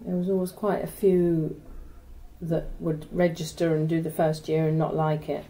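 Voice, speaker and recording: An older woman from Norwich, England, with a Norwich accent, speaks in a low, warm voice with little pitch movement at a normal speed. A retired university secretary, she is the interviewee in an oral history interview, recalling her working years in a chatty, reminiscing way that trails off into asides. The recording is rough.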